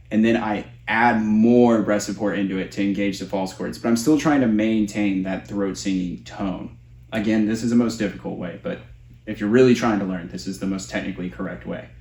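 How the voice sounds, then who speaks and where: A man's voice: fairly low pitch, a little mellow. A man giving a casual, explanatory tutorial as a vocal coach. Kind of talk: instructional tutorial with vocal demonstrations. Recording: roomy echo.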